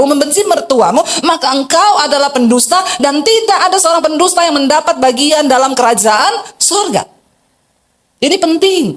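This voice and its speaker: A woman pastor preaching a lively sermon, asking the congregation questions and dropping into casual, blunt asides. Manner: wide swings between loud emphasis and quiet, low asides.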